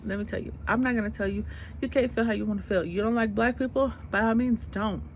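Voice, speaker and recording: A woman in her twenties rants in an unscripted vlog, her voice on the high side and her pace quick over slight background noise. She's blunt and emphatic, repeating her points in casual, slangy speech.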